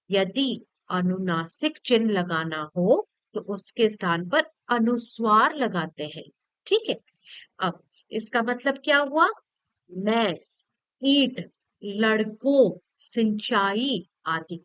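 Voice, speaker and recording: A woman's voice: mid-range voice, a bit bright, smooth, no room sound. A woman teacher patiently explaining a grammar lesson to children, repeating points and checking that they follow.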